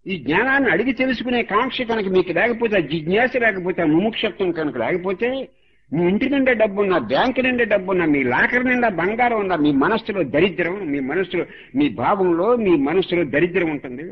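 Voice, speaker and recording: A man's voice: high-pitched, animated, quick pace, muffled recording. A man giving a religious discourse as a spiritual teacher, moralizing and repeating each point to drive it home.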